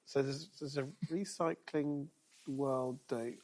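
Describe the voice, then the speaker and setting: A man's voice: medium pitch, steady tone, slow, a little mellow. A man playing on a quiz show, stammering and hesitating while he jokes about himself. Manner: hesitant, stammering, self-mocking. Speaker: quiz contestant. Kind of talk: game show banter.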